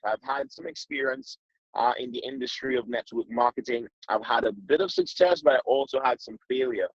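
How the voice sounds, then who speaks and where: A man from Trinidad and Tobago, giving an earnest sales pitch on a conference call, often repeating his words. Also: fairly bright tone, no room sound. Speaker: business presenter. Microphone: phone. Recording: muffled dry phone-call audio.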